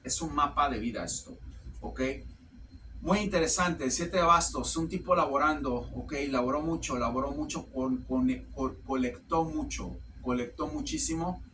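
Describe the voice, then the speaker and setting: A man giving a casual tarot reading to camera. He speaks haltingly, repeats words while searching for the next one, and tacks "ok" onto nearly every phrase. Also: fairly high pitch, recorded from a distance, noisy background. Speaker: tarot reader.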